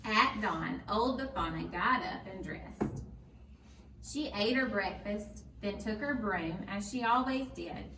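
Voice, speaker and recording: Reading a children's story aloud as a storyteller, a woman delivers scripted narration in a medium-pitched, animated, slow voice. The recording sounds roomy, with a distant mic and faint noise.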